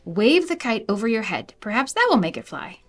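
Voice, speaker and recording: A woman's voice: on the high side, big pitch swings, a little fast, a bit bright, soft background music, voice pushed up. A woman voicing an upbeat male storybook frog, encouraging and insistent with a friend.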